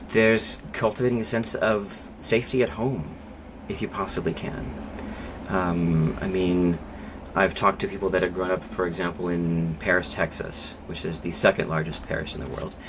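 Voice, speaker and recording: A man speaking as a psychologist guest on a podcast interview, thoughtful and measured, with pauses and fillers. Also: low voice, fairly even intonation. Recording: clear background noise.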